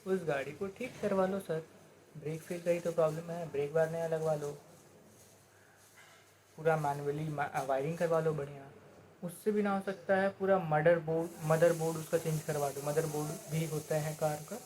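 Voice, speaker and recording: A man giving a casual motivational talk. He explains with everyday examples and rhetorical questions, and switches into slower, deliberate English phrases. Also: on the high side, steady tone, darkish tone, slight background noise. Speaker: motivational speaker.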